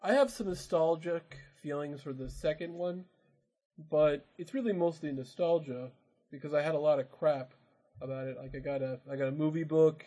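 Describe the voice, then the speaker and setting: A man's voice: a little high, normal speed, dark tone, rough recording. A man in casual, rambling, opinionated chat as a podcast co-host. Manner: rambling, opinionated, many restarts.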